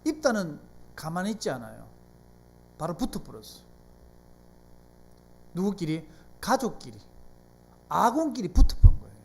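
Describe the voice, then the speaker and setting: A pastor with a Gyeongsang Korean accent delivers a sermon in a church sanctuary. The speech rises and falls with a lively, animated pitch. It is conversational preaching, with one rhetorical question after another to the people in the pews. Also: moderate pace, gravelly, pauses often, husky. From South Korea.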